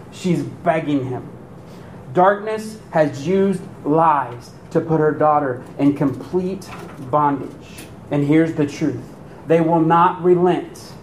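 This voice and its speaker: Animated man preaching in an echoey church. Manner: animated preaching, rhetorical questions to the congregation. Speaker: pastor. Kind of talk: sermon. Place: church sanctuary. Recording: echoey room with faint rumble.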